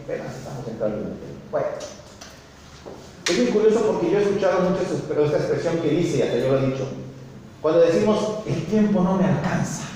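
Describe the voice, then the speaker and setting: A man, a pastor preaching a sermon to his congregation, telling animated stories and asking them questions. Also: a little high, quick pace, pauses often. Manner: animated storytelling, asks the congregation often. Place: church hall. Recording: echoey hall, distant mic, faint noise.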